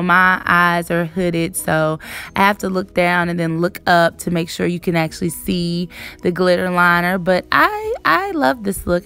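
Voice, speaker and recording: A woman's voice: medium pitch, creaky, a bit bright, clean tone. A young woman giving a casual makeup tutorial narration in a chatty way, repeating words for emphasis. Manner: chatty, emphatic word repetition. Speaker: beauty vlogger.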